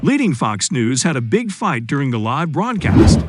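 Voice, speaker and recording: A man's voice: medium pitch, very animated, normal speed, heavy background noise. A man reading scripted video narration as a voice-over. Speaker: compilation narrator. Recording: loud music under voice-over. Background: loud music.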